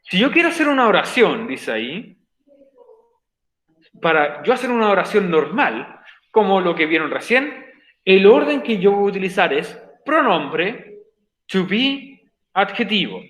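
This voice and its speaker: A man's voice: high voice, sing-song, measured pace, fairly bright tone. A male teacher explaining grammar patiently in an online class, repeating each step. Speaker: English teacher. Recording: echoey room.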